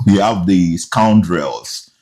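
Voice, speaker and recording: A man, a guest in an interview, telling his life story in a lively way with local slang. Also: sits low, slow. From Nigeria.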